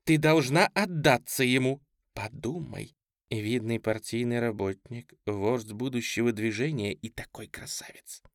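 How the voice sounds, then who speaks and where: A man's voice: mid-range voice, measured pace, no room sound, close to an everyday voice. A slightly raised, insinuating voice of a gossipy young woman coaxing a friend, as a male narrator puts her on. The reading is close and dry.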